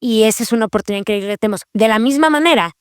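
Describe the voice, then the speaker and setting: Earnest woman, higher voice. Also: racing, clear, resonant tone, no room sound, studio quality. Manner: earnest, confessional, repeats key phrases. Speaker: podcast host.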